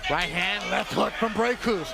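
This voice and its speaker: Guy calling a fight ringside, high voice, big hype announcer style, dramatic calls. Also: a little slow, gravelly, over a noisy crowd. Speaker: play-by-play boxing commentator. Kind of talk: live fight commentary. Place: ringside at an arena.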